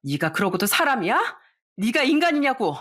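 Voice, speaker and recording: A woman's voice: a little high, sing-song, fairly quick, fairly bright tone, breathy edge, voice pushed up, exaggerated voice. A woman voicing a stern wedding shop employee who accuses and confronts someone in a storybook narration. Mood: furious.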